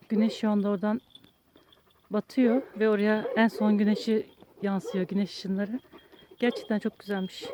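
A woman's voice: mid-range voice, noisy background. A woman on a walk outdoors, chatting casually and calling to dogs in a coaxing, affectionate voice, recorded on a handheld phone. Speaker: vlogger walking her dog. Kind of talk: casual chat, talking to dogs. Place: outdoors on a country path.

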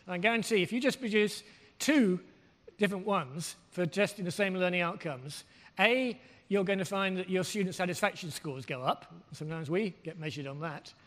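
A man's voice: high voice, normal speed, a bit bright. An older man giving a workshop keynote on a lapel mic, blunt and emphatic. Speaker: keynote speaker. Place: large hall with audience. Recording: long hall reverb.

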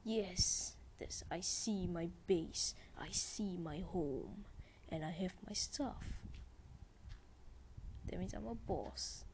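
A woman's voice: on the low side, slow pace, darkish tone, a little hiss or hum. A woman giving casual let's-play commentary, chatting to viewers as she plays. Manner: chatty, talks to viewers while playing. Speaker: gameplay commentator.

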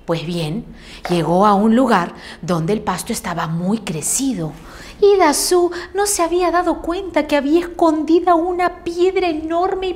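A woman telling a children's story playfully, with sound effects. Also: high voice.

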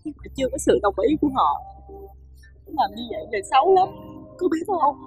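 An actress playing a gentle, loving young mother who speaks softly and reassuringly to her two boys in a TV drama. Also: high-pitched, sing-song, brisk, soft background music, poor audio. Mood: tender. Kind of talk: TV drama acting.

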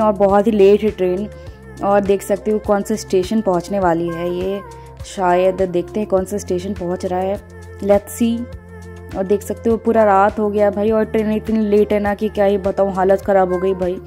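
Talking to her viewers in a relaxed, chatty style, a travel vlogger in her 20s narrates with a warm, mid-range voice at a normal speed and a level tone. Music runs beneath her voice throughout.

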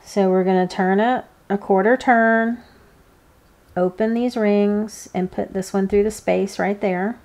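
A woman giving informal, hands-on step-by-step craft instruction, pausing between steps. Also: mid-range voice, fairly even intonation, a little mellow. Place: indoors, seated at a work table.

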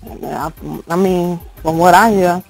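A woman's voice: on the low side, steady tone, a little slow, soft background music. A woman in a casual podcast chat who cuts in with blunt, sardonic quips.

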